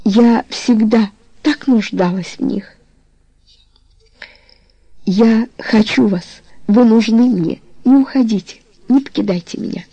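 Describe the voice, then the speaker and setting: A young woman in love pleads with her lover to stay, as the audiobook reader raises their voice for her. She speaks higher and imploring, with a gravelly texture under the pleading, and the reading is dry and close. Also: slow pace, long pauses, dark tone, dry recording, highs cut off. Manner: impassioned, imploring.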